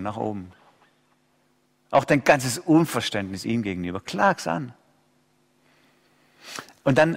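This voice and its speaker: A male pastor preaching an impassioned sermon, swinging between loud outcries and hushed low asides. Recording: long hall reverb.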